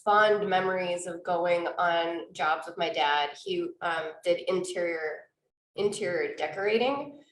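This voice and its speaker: A low-voiced woman with a Wisconsin accent talks about her life as a podcast guest. She is chatty and laughs easily. Her voice comes with a noticeable room echo. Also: unhurried, a bit bright. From Wisconsin, US Midwest. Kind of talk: casual interview chat.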